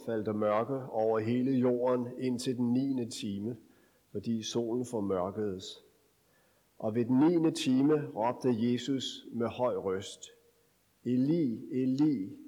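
A male pastor giving a scripture reading and sermon with a measured, solemn delivery. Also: medium pitch, dark tone. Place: church. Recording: long church reverb.

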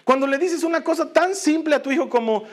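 A man's voice: very high voice, fast talker. A middle-aged man, a pastor, preaching a sermon in an earnest way and firing rhetorical questions at his listeners.

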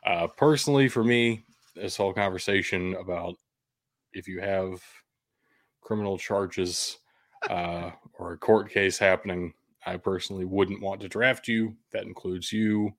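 Low-voiced man giving blunt sports opinions. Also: fairly bright tone, dry recording, studio quality. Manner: opinionated, blunt, occasionally profane. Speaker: sports show host. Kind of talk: casual sports commentary.

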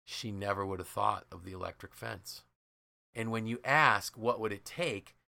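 A leadership trainer hosts his podcast in a fairly low, bright, punchy voice with a creaky edge, recorded dry and close with no echo. He tells stories conversationally at a normal speed, full of enthusiasm and emphasis, and slips into quoted dialogue along the way.

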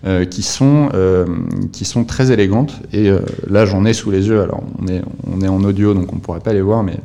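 Male podcast guest, dark and low, talks slowly around the point with lots of hesitation. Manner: explanatory, many fillers and restarts. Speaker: podcast guest, company representative. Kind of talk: podcast interview.

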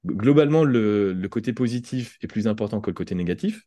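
On a dry recording, a French man's lowish, expressive, mellow voice moves fairly quickly. As a podcast guest and language entrepreneur, he gives thoughtful explanations with examples and frequent restarts during a conversational interview.

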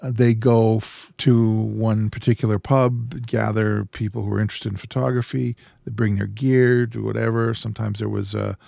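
A man co-hosting a podcast, telling a story in a relaxed, easygoing way with a few fillers. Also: lowish voice, normal speed, gravelly, hardly any pauses, no room sound, studio quality. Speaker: podcast co-host. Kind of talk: casual chat.

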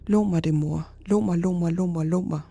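A woman's voice: fairly low pitch, steady tone, creaky, soft background music. A woman voicing a frightened little boy. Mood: pleading. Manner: pleading, hushed.

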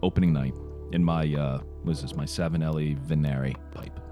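A man's voice: very deep voice, fairly quick, soft background music. A man with a cold and a nasal voice, co-hosting a podcast, ranting with lots of swearing. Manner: animated ranting, frequent swearing. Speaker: player and podcast co-host. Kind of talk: casual podcast banter.

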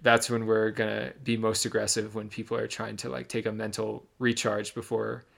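A young man's low, creaky voice moves at a moderate pace as he casually describes running a race. He co-hosts a podcast, and his relaxed storytelling is packed with ums and restarts.

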